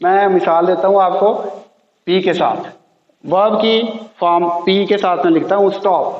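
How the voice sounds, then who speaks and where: A man teaching English pronunciation, speaking slowly and repeating each word several times. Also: high-pitched. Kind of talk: slow classroom pronunciation lesson. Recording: echoey, dull lo-fi room sound.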